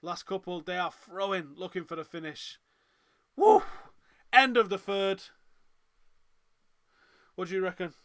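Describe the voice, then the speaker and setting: His voice is high-pitched, with a measured pace and long pauses. This Manchester-accented host reacts chattily during a live fight watchalong, reads viewers' comments out, and turns loud and excited at the big moments.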